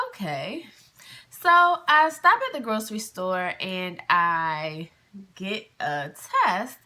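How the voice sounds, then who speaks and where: A woman's voice: lowish voice, sharp tone. A woman in her twenties telling a personal story to camera in a casual, chatty way, laughing often and acting out her own past words. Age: 20s. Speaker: vlogger.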